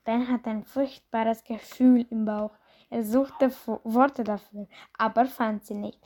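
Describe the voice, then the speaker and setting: A woman narrating a children's storybook in a calm, even reading voice. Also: fairly high pitch, takes it slowly.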